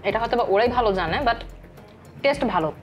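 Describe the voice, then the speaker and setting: A woman's voice: on the high side, animated, quick pace, muffled recording, faint music behind. A woman with a Bangladeshi Bengali accent, giving a chatty food review in a restaurant. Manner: chatty, mixes English words into her talk. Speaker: food vlogger. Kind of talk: casual food review to camera.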